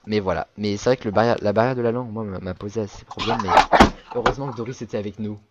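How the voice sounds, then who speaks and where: A man's voice: fairly low pitch, steady tone, racing, dull audio, very noisy. A young French man rambling through a casual travel anecdote, full of fillers and restarts. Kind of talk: casual storytelling chat.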